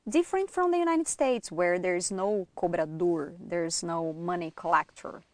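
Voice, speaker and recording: A woman from Brazil, a guest on a language lesson, explaining softly and modeling Portuguese phrases. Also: fairly low pitch, moderate pace, dry recording. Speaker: guest speaker.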